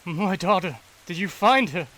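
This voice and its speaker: A man voicing a grief-stricken father who pleads and then shouts in anguish. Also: high voice, lively intonation, moderate pace, pitched above the performer's own voice. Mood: anxious. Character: grieving desperate father, man.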